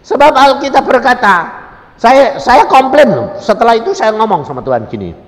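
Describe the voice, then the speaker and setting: A man, preaching a storytelling sermon, dramatic and swinging from hushed to loud. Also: very animated, moderate pace. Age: 60s. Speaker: evangelist preacher. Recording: reverberant hall, faint rumble.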